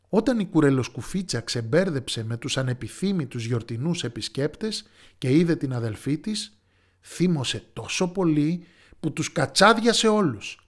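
A man storyteller reading a fairy tale aloud in a lively, expressive way. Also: a little high. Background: soft music.

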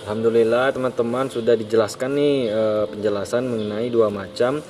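A man's voice: mid-range voice, fairly even intonation, a little fast, a little mellow, a little hiss or hum. A man hosting a lesson, summarizing for the audience what was just explained. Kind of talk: wrapping up a lesson.

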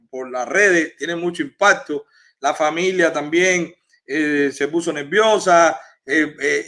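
A man's voice: a little high, pushed and bright. A man from Cuba hosting a livestream, giving the viewers an earnest update. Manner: earnest, informative, frequent "eh" fillers. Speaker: livestream host.

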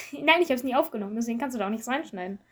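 A woman co-hosting a podcast in casual chat, talking in an animated, rambling way and laughing often. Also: on the high side, quick pace, breathy edge. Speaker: podcast co-host.

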